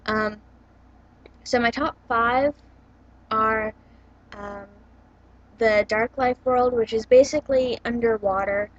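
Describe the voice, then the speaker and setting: A woman's voice: a little high, steady tone, slow pace, long pauses. A young woman chatting casually about books, full of ums and likes, recorded through a laptop's built-in mic at home. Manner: hesitant, many ums and likes. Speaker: book vlogger. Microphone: built-in computer webcam mic. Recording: dull lo-fi laptop webcam audio.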